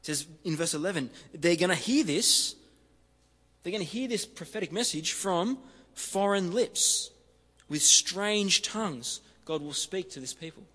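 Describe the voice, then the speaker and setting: A man preaching an expository sermon in a relaxed, conversational way, often saying "kinda" and repeating words for emphasis. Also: high voice, measured pace, husky. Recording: long reverb of a large hall.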